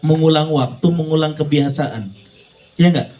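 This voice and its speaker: Man, islamic preacher, fairly high voice, playful and earnest by turns. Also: moderate pace, mellow, poor audio. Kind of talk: lively sermon.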